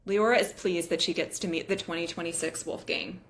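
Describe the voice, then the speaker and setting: At a table read, a woman serves as the stage directions reader, narrating a screenplay's scene headings and action. Her voice is slightly low, with fairly even intonation, and she reads a little fast.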